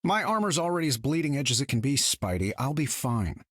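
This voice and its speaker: A man's voice: medium pitch, very animated, fairly quick, fairly bright tone, no echo, clean studio sound. A man voicing a confident, wisecracking inventor superhero in a video game, wry and casual. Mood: breezy, confident. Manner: wry, casual, self-assured. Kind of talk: video game character acting.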